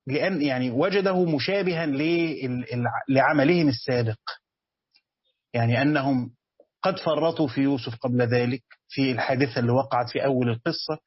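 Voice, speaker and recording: A man with an Egyptian Arabic accent teaches commentary on a religious text, reading passages aloud and then explaining them colloquially with frequent hesitations. His mid-range voice is fairly quick and slightly rough, and the lo-fi recording has no echo.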